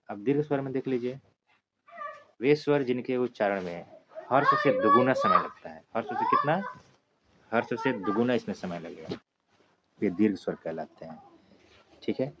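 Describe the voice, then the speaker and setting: A male teacher giving a step-by-step grammar lesson for exam students, often checking in with "okay?" as he goes. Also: lowish voice. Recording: dull lo-fi sound with clear background noise.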